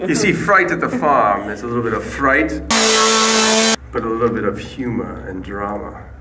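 A man's voice: lowish voice, expressive, moderate pace, reverberant, over loud music. A man who runs a haunted attraction, chatting casually in an interview about how it started. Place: dark stone-walled haunted attraction, indoors.

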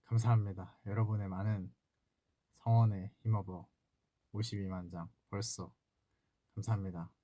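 He pauses often, speaking at normal speed with fairly even intonation in a fairly low, dark voice, and there's no room sound. A young idol singer in his twenties, he sits at a desk in a small room, playfully reading and answering fan comments on a solo livestream.

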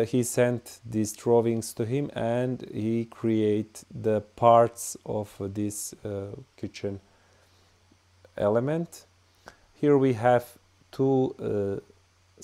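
A tutorial host whose native language is Bosnian walks through screen-recorded software in English with a Bosnian accent. His medium-pitched voice is smooth, but his delivery halts often with "uh" and "all right."

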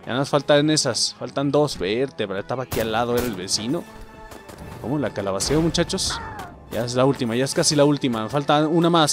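A young Mexican man giving excitable, casual gameplay commentary, swearing freely and talking to his viewers. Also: mid-range voice. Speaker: gameplay streamer.

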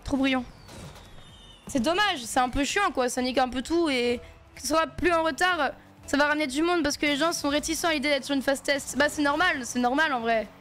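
This is casual gaming-stream talk: a woman plays while chatting with viewers, loose and slangy. Her high voice moves fairly quickly and has a fairly bright tone.

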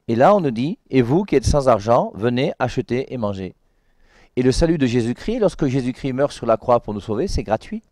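A man, a priest, giving a conversational Sunday Bible commentary, often adding "hein" and repeating words, and reading scripture slowly and emphatically. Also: mid-range voice, big pitch swings, a little mellow, dry recording, studio quality.

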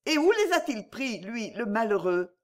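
A woman's voice: on the high side, sing-song, moderate pace. A woman reading an alarmed young wife. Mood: shocked. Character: frightened young wife, earnest and anxious.

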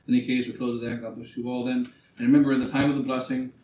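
A middle-aged man preaching a wedding sermon in a small chapel, declaiming and then dropping to quieter practical asides. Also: medium pitch, level tone, very fast. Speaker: bishop. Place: small chapel at an altar, indoors. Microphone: far camera. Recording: echoey room from a distant camera, faint hiss.

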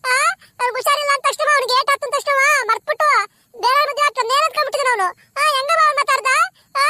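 A squeaky, very high cartoon voice of a young village woman, tearful and defiant, standing by the man she loves, as a woman acts it out. She rattles along quickly in a bright, piercing tone. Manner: tearful, pleading and indignant. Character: young village woman, heartbroken but fiercely loyal.

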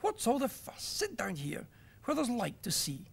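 A man voicing a brisk, fussing cave-dwelling mother in a children's story. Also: very high-pitched, wildly swooping pitch, vocal fry, slightly rough, heavily acted.

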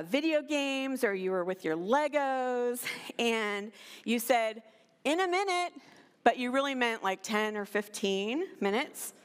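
A woman's voice: fairly high pitch, a bit bright. A woman with an American accent giving a guest sermon in a church, talking conversationally and addressing the children and congregation directly. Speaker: guest preacher. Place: church sanctuary. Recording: long hall reverb in a church.

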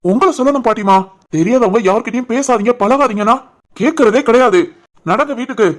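A woman with a Kanyakumari-Tirunelveli Tamil accent voicing a stern, protective young father in an animated story, scolding harshly. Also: a little high, a little fast, natural voice.

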